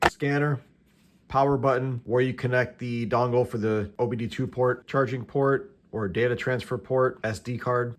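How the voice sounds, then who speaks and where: An American man who hosts tool review and how-to videos gives a casual product walkthrough, explaining each step plainly and matter-of-factly. His voice is mid-range and a little mellow.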